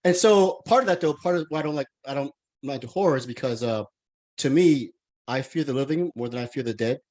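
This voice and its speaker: A man's voice: mid-range voice, fast talker, a little mellow. An American man, thirty-something, chatting as a podcast host. He rambles and restarts his sentences often, in an ordinary mid-range voice. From United States. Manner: rambling, many restarts and fillers. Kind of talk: casual interview chat.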